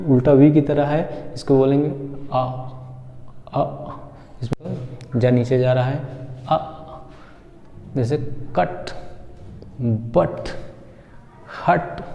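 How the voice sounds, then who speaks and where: A man's voice: mid-range voice, mellow. A man teaching English pronunciation in a patient, repetitive way. He says example words aloud and keeps asking the listener how to say them. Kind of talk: Hindi-language pronunciation lesson. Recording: echoey room, dull lo-fi sound.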